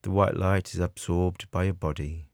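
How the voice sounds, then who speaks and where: A man guiding a scripted meditation in a soothing, measured way with long pauses. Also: deep voice, steady tone, vocal fry, a little mellow, no echo, studio quality. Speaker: meditation guide. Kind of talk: guided meditation narration, scripted.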